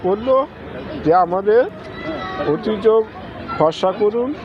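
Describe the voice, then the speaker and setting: High-voiced man in noisy street. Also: slow pace. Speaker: local resident being interviewed. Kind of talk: street interview. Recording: dull sound, busy outdoor crowd.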